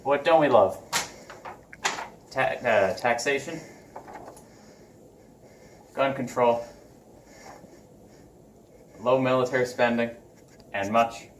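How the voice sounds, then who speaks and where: A man's voice: mid-range voice, slight background noise, lightly acted. A man playing a blustering older male politician who gives a rambling, preachy speech with folksy asides in a comedy sketch. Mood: smug.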